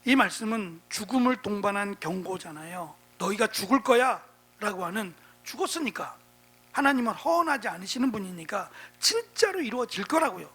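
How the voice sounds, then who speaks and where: Husky-voiced male pastor preaching. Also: high-pitched, fairly bright tone. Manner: conversational preaching with frequent rhetorical prompts. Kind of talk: Bible exposition sermon.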